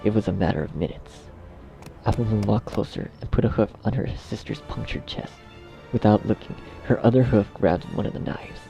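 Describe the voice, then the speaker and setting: A man narrates a scripted horror story in a low, heavily creaky voice that is also brisk and mellow. Music is clearly audible underneath him.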